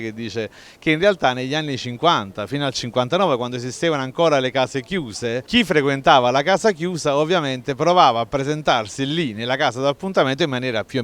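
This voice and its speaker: A man's voice: mid-range voice, a bit bright. A man explaining in a conversational, playful way, with rhetorical questions and asides. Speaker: explainer of local dialect and folklore.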